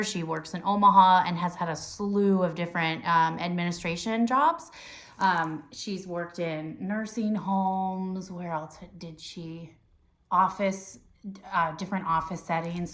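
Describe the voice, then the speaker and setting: A woman's voice: lowish voice, a bit bright. Woman podcaster chatting casually, lots of ums, kinda echoey room. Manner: chatty, rambling with many fillers and restarts. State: hiccuping. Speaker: podcast host. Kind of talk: casual chat. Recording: roomy echo.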